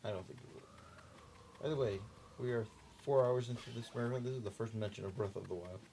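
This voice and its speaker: Gravelly-voiced young man chatting while gaming. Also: mid-range voice, quick pace, warm tone, a little hiss or hum. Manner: chatty, playful, talks to the game characters. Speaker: streamer playing the game. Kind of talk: casual gaming chat during a marathon stream.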